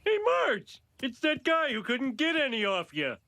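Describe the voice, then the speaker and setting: A man's voice: very high-pitched, very animated, measured pace, sharp tone, no room sound, exaggerated voice. An actor voicing a dim, gluttonous, goofy cartoon father who blurts things out. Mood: blunt. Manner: blurting, goofy, easily distracted. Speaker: cartoon husband.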